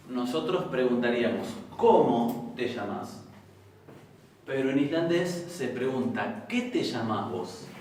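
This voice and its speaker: A man's voice: mid-range voice, recorded from a distance, slight background noise. Man teaching a class in an echoey room. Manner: explains patiently, repeats examples slowly. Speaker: language teacher. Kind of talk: lecture in a class.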